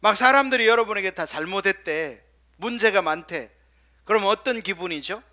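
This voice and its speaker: High, bright-voiced male pastor preaching. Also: lively intonation, normal speed. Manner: preaching with rhetorical questions to the congregation; drops suddenly to soft, quiet asides. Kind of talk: sermon.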